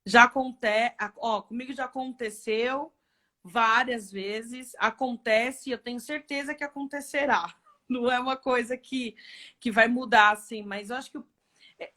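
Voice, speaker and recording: Woman, guest speaker, animated storytelling, fairly high voice, live interview chat. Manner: lively storytelling with frequent tag questions. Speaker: guest, e-commerce executive.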